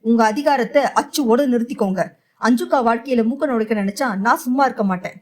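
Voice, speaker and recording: A woman voicing a fierce, outspoken young woman in an audio novel, giving sharp, defiant retorts. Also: a little high, fast talker, close to an everyday voice.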